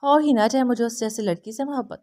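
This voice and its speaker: A woman's voice: on the high side, mellow, lightly acted. A woman doing a smug, scheming young man. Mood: smug teasing.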